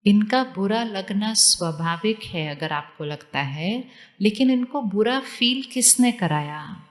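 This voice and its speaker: A woman giving a spiritual talk to a live audience, calmly repeating questions to her listeners. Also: medium pitch, slow, in a large hall. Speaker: spiritual teacher.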